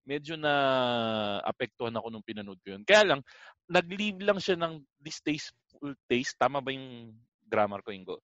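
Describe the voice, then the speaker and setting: A man co-hosting a casual chat, animated and joking, swearing casually. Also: medium pitch, moderate pace, dry recording, dull audio.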